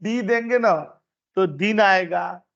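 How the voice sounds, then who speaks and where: A male instructor with a high, gravelly voice talks an online class through each step, circling back over his own phrases. The sound is dull and lo-fi, like a meeting recording from a computer mic. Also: takes it slowly, a bit bright. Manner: explains step by step, repeats phrases. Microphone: computer mic on a video call.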